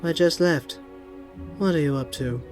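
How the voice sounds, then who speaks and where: A man voicing a suave male secret agent with smooth, dry wit. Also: on the high side, unhurried, darkish tone, faint music behind, voice pushed up, natural voice.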